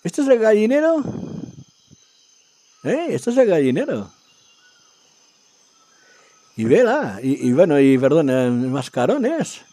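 A man giving casual, excitable commentary as he plays a game, talking to himself and his viewers. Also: fairly high pitch, slow pace, long pauses. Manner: talks to himself and viewers while exploring, excitable. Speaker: gaming video creator.

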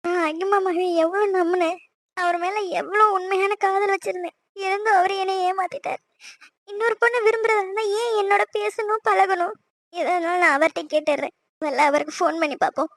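A woman's voice: very high-pitched, steady tone, a little fast, a bit bright, no room sound. A woman voicing a heartbroken young woman in a cartoon, pleading and wounded. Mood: hurt. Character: heartbroken young woman in love, tearful, desperate.

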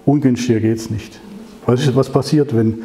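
A man giving a conversational sermon, telling the story with rhetorical questions and slowing down on key phrases. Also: medium pitch, fairly even intonation, mellow. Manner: slows down to stress key phrases. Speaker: preacher.

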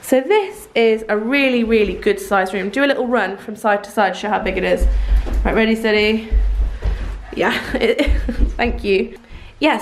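Chatty woman giving a house tour. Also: a little high. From England. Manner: chatty, fond, many ums and likes. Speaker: vlogger. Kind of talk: casual house-tour vlog. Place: empty house, small bare rooms. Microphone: handheld camera at arm's length.

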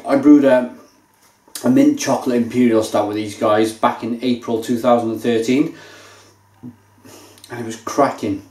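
A man's voice: mid-range voice, moderate pace, pauses often. A man in his thirties casually reviewing a beer at home, chatting as he tastes and describes it. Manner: relaxed and chatty, savoring and describing each sip. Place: home kitchen, indoors. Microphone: camera mic at table distance. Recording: echoey kitchen room sound.

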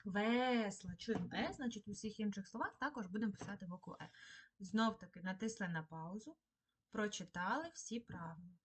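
A woman teaching a recorded remote lesson to schoolchildren, dictating slowly and patiently. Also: medium pitch, expressive, slight background noise. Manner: slow, patient dictation to children. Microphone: screen-recorded lesson.

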